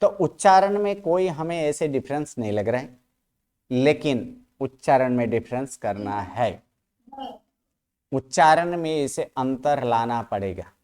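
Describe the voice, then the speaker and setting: A male teacher giving a classroom lecture. His pitch rises and falls a great deal, and he speaks at an unhurried pace. He keeps asking his class questions and going back over each point. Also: expressive, a little mellow, smooth. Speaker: Sanskrit grammar teacher. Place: classroom, writing on a board.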